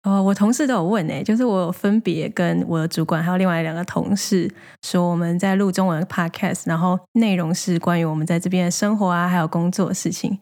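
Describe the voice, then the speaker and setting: A young woman from Taiwan, co-hosting a casual chat podcast and telling stories in an animated, playful way. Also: fairly low pitch, fairly quick, few pauses. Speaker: podcast co-host.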